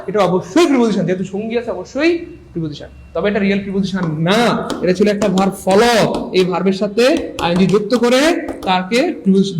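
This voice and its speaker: A man's voice: high voice, echoey room, slight background noise, low-quality recording. A man teaching English grammar in a playful, teasing live lesson, often repeating his words.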